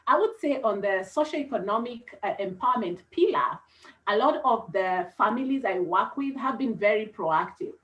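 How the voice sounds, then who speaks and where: A woman's voice: fairly high pitch, expressive, moderate pace, a bit bright, poor audio. A woman psychologist with a Kenyan English accent, speaking earnestly on a panel. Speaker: psychologist and consultant. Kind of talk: panel talk.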